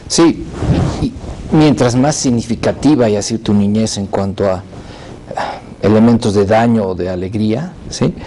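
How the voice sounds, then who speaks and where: Mellow low male guest, explaining patiently. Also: moderate pace, a little hiss or hum. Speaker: talk show guest. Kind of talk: explanatory studio talk.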